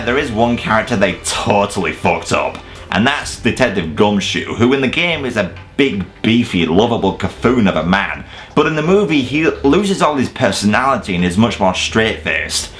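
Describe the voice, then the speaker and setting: A video reviewer presents a scripted top ten list, giving casual, opinionated takes that are emphatic, sweary, and self-deprecatingly funny. His fairly low voice is sing-song and a bit bright at a moderate pace, with soft music underneath.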